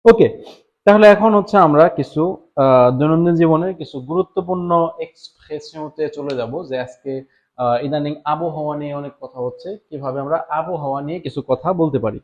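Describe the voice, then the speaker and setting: A man's voice: fairly high pitch, brisk, dull audio. A man giving a live online lesson, patiently explaining French words and repeating each one several times. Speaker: French teacher.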